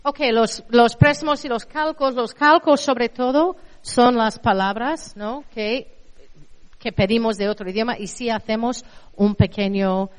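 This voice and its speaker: A woman's voice: a little high, unhurried. A middle-aged woman from Spain with a Spanish accent, giving a conversational university lecture on translation and often checking in with her audience. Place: lecture hall. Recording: reverberant hall.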